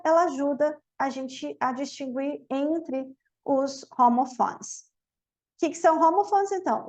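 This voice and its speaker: A woman's voice: high-pitched, creaky. A woman from Brazil whose first language is Portuguese, teaching an English lesson and explaining it step by step in Portuguese, repeating each example word twice.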